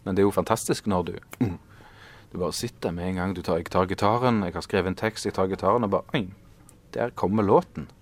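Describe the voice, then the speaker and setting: A man in his forties, an artist talking in an interview, thoughtful and searching for words with many fillers and restarts. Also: low voice. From Norway. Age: 40s. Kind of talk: casual interview conversation.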